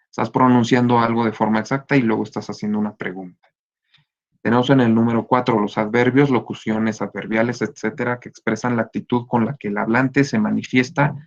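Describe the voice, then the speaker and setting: Gravelly man teaching punctuation, lo-fi. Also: on the low side. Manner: explains step by step with frequent fillers and "¿ok?" checks. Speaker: reading course teacher. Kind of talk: online class lecture on punctuation. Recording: dull lo-fi recording.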